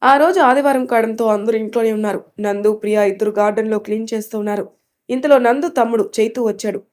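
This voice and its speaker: A woman narrating a spoken story in a steady, measured manner. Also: a little high. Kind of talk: scripted narration.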